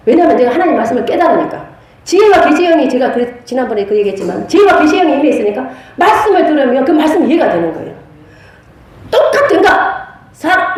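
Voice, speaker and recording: Woman teaching a church class, high voice, lively pitch, laughs often, very echoey hall. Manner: animated, laughs often while telling stories. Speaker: pastor's wife teaching a prophecy class. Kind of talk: church lecture with storytelling. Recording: very echoey room.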